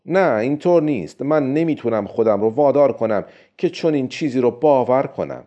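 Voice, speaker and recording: A man's voice: mid-range voice, animated, mellow, close to an everyday voice. A man voicing a testy, hesitant male company boss in a storybook reading. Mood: grumbling. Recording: dull lo-fi recording.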